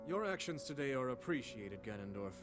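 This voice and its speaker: Loud music sits behind a man acting as a regal ruler in a game cutscene. His mid-range voice is formal and assured, with the steady dignity of a benevolent but shrewd king. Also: medium pitch, fairly quick, natural voice. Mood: firm, regal.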